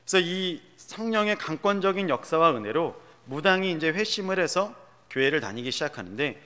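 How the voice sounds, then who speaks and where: Male pastor, sermon, earnest storyteller, slightly high, lively pitch. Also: fairly quick, long reverb tail. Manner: earnest storytelling with many rhetorical questions to the congregation. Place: church sanctuary.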